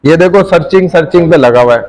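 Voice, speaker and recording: A man's voice: a little high, quick pace. A man from Pakistan, a teacher taking attendance, talking casually and teasing his students as he calls out their names. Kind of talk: casual classroom talk. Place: classroom full of students. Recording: noisy room with crowd chatter. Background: students chattering.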